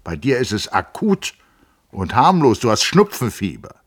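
A man's voice: mid-range voice, very animated, normal speed, husky, pitched above the performer's own voice. A man voicing an earnest, worried young man who speaks hesitantly and with alarm, in a literary audiobook reading. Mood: concerned.

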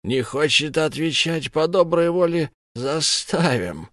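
A man's voice: a little high, expressive, slow pace, fairly bright tone, no room sound, studio quality, voice pushed up. A man doing a cruel, impatient alien. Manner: eager, snapping threats. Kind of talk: audiobook character voice.

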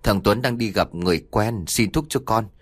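Man doing a grieving mother, pleading, raised pitch, dry sound. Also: moderate pace, no room sound, lightly acted. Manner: pleading, tearful. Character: grieving frantic middle-aged mother.

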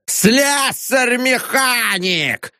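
A man's voice: sits high, animated, takes it slowly, pushed and bright, dry recording, clean studio sound, voice pushed up, exaggerated voice. A man shrieking as a furious brawling janitor. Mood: raging. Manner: shrieking curses.

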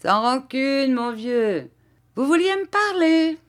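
A woman reading an audiobook who voices a cruel man who beats children, speaking in a soft, mocking, menacing tone. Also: fairly low pitch, big pitch swings, takes it slowly. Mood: sly mocking.

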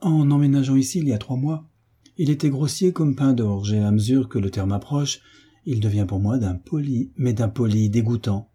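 A gossiping, confiding old concierge woman, voiced by a male audiobook reader. Her voice is pitched up from his low husky narrating tone, but it stays dark. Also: moderate pace, lightly acted. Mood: gossipy. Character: gossipy older female concierge.

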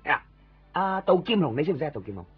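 In a 1990s radio drama, a man plays an eager, chatty second-hand toy shop owner who is kind to customers, rambling excitedly in Hong Kong Cantonese and fond of showing off toys. His husky, slightly high voice is fast and heavily acted. The band-limited recording has its highs cut off and faint music.

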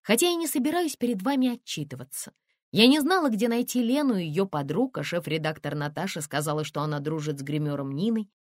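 A woman reading an audiobook and voicing an indignant, pushy young woman who speaks in raised, sharp outbursts. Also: on the low side, lively intonation, a little fast, no echo, studio quality.

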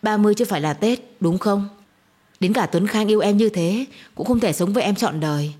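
A cold, manipulative young man, read by a woman narrator, speaking calmly and smugly in an even tone. The husky, breathy voice stays flat and unbothered. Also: medium pitch, fairly quick, lightly acted. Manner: calm, smug, flat.

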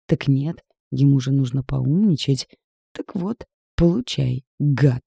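A man voicing a fiery, sharp-tongued young village woman in an audiobook, scolding and sarcastic with a raised voice. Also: mid-range voice, slow pace, vocal fry, slightly rough, no room sound, clean studio sound, heavily acted. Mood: angry scolding. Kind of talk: audiobook character reading.

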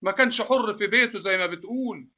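A reasoning Egyptian father in a radio drama. His voice is high and very bright, and his talk measured and persuasive. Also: full character voice. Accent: Egyptian Arabic. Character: Amal's father, a patient, reasoning older man.

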